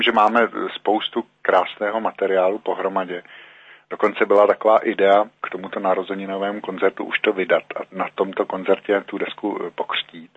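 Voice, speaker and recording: Low husky man over a thin line. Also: no echo. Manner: hesitant, with many fillers and restarts. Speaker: interview guest, musician. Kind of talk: radio interview answers. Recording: narrow phone-like dry sound.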